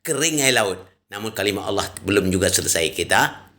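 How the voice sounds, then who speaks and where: A man's voice: lowish voice, animated, a little fast, sharp tone. A man giving an informal religious talk, emphatic and colloquial, with frequent "ya" and "nah" tags. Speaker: religious preacher.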